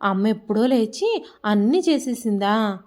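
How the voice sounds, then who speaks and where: A woman's voice: a little high, animated, measured pace, a little mellow. A woman storyteller voicing a worried adult son, anxious and urgent. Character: worried adult son searching for his mother.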